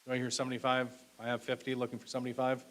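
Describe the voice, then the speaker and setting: A man auctioneering at a live auction rattles off bids very fast in a monotone, his medium-pitched voice a bit bright. He uses short, clipped, repetitive calls with polite asides and thanks, over clearly audible background hiss.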